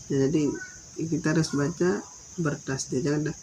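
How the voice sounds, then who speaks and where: A man teaching Quran recitation, explaining patiently and repeating his points, then chanting verses slowly and drawn out. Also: on the high side, fairly even intonation, dark tone, breathy edge, rough recording. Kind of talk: slow explanatory recitation lesson.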